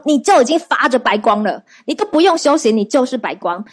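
Lively woman preacher telling testimonies. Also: on the high side. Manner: lively storytelling with rhetorical questions to the audience. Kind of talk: sermon.

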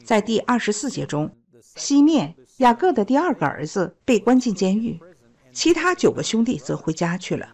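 A woman's voice: a little high, big pitch swings, moderate pace, a little mellow. A woman teaching a Bible story, retelling the scripture in plain storytelling.

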